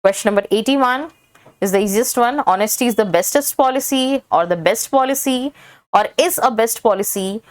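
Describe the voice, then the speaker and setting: A woman reading out exam practice questions as a teacher. She lists each set of options steadily and stresses the correct answer. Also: medium pitch.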